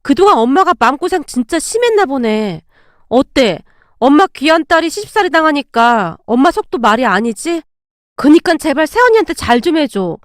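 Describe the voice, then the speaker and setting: A young married daughter speaks frankly and chides her mother, as a woman narrator puts her on. The voice is high and the room sound is dry. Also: very animated, moderate pace, no room sound. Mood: chiding. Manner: frank, chiding.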